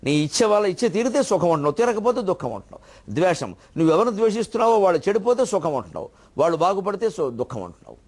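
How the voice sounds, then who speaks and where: A spiritual lecturer delivers a devotional discourse, teacherly in manner as he explains what words mean and slowly chants verses. His voice is high-pitched and slightly mellow, with big swings in pitch.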